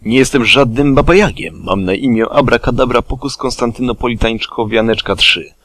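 A man's voice: moderate pace, fairly bright tone, no room sound, lightly acted. A man voicing a foul-mouthed old witch woman who whines and shrieks in indignation. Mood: indignant. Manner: whiny, indignant, shrill outbursts.

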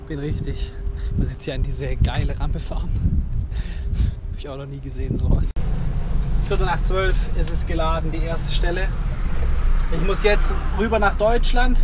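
A man with a fairly high voice talks casually from his truck cab, chatty and blunt and quick to swear. Heavy road and engine noise runs under everything he says. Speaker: truck driver vlogger. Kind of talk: casual on-the-road video diary. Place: inside a truck cab and around depots.

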